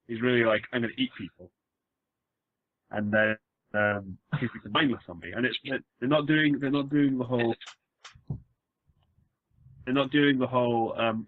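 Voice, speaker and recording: A Welsh man in a casual podcast chat who keeps restarting his sentences as he rambles. His slightly husky voice comes through a dry, tinny, phone-like line. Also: mid-range voice, dry recording. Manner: rambling, restarts sentences while retelling a plot. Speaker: podcast co-host.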